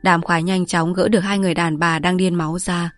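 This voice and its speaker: A woman host reading a novel aloud in measured, polite scripted narration. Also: on the low side, little pitch movement, faint music behind. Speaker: audiobook narrator.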